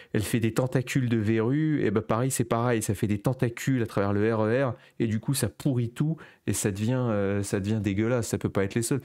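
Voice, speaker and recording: A man's voice: on the low side, a little mellow. A French man with a Parisian-region accent, riffing playfully as a comedy panel judge with exaggerated storytelling. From France. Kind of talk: comedic casual commentary.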